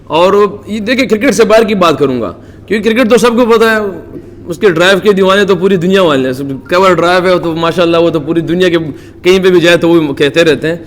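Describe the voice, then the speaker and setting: A man's voice: sits high, long reverb tail. A man from Pakistan, a cricketer, giving earnest, devout answers at a press conference. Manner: earnest, devout, many religious phrases.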